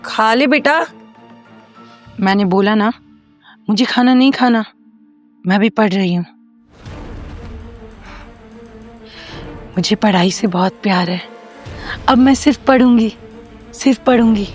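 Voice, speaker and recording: A woman's voice: fairly high pitch, normal speed, pauses often, faint music behind, natural voice. Actress playing a cold, study-obsessed girl. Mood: cold, dismissive. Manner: repetitive, insistent, threatening. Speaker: daughter. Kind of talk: amateur horror short drama.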